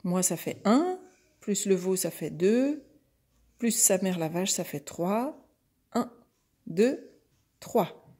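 Cheeky little storybook goat, sing-song counting, soft breathy tone, voiced by a woman. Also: medium pitch, big pitch swings, slow, pauses often, full character voice. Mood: playful. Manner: chanted counting. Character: clever cheeky little female goat kid.

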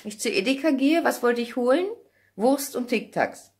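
In her home kitchen, a woman vlogger holds her phone at arm's length and chats casually to camera, thinking aloud. Her voice is fairly high and a little mellow with lively intonation at normal speed, and the handheld recording is noisy with clicks.

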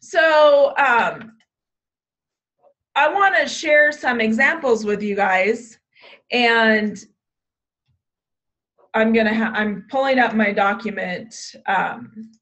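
Speaking slowly with long pauses, a woman whose voice is a bit bright and on the high side leads an online orientation for youth program staff as a state 4-H program leader. Her conversational talk has many ums and restarts, and she is losing her voice as it grows tired.

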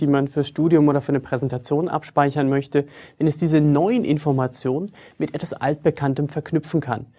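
Wry, lively man giving a studio lecture. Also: on the high side. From Germany. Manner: lively, wry, self-ironic. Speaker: trainer. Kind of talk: scripted video lecture. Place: studio with a virtual library backdrop.

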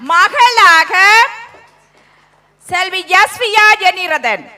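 A woman announcer giving a formal, measured introduction of the cast of a play. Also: very high voice, expressive, sharp tone.

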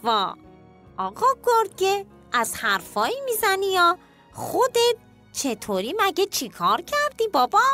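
A woman voicing a fussy, nosy female fox in a children's cartoon story, with squealing, drawn-out exclamations. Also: very high voice, wildly swooping pitch, pushed and bright, faint music behind, voice pushed up, full character voice. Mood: fussing, surprised.

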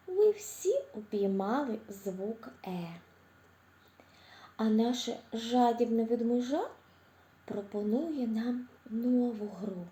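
Повільна, лагідна вчителька-логопед. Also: female voice, a little high, echoey room. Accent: Ukrainian. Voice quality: articulates sounds with care, drawn-out vowels. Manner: cheerful, encouraging, praising; drops to a whisper to show quiet sounds. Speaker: speech therapist teaching preschoolers. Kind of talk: slow, clear recorded lesson for children.

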